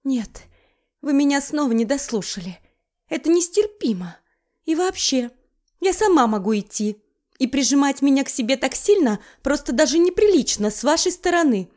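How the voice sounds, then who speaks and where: A woman voicing a clumsy, flustered young pregnant woman who talks high and breathless. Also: big pitch swings, normal speed, a little mellow.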